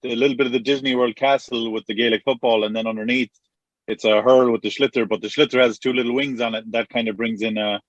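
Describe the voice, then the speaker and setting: A man's voice: medium pitch, fairly even intonation, fast, no room sound. Easygoing west of Ireland man, slightly dull sound. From Connemara, west of Ireland. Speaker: podcast guest. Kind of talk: casual chat. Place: inside a car.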